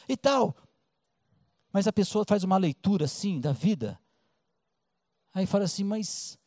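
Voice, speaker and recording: A man preaching a sermon with a Brazilian Portuguese accent, telling a story in a colloquial, lively way and acting out the voices. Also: high-pitched, no room sound, clean studio sound. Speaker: pastor.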